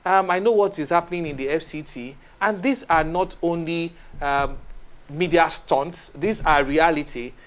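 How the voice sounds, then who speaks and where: Nigerian man, TV host, slightly high voice, animated questioning, studio talk. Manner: animated, questioning, with halting restarts. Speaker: TV morning show host. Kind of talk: studio discussion.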